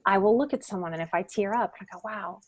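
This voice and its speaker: A middle-aged guest on a podcast, a psychotherapist and life coach, talks in rapid-fire fashion with a mid-range voice. She is earnest throughout the interview and hits the key words hard.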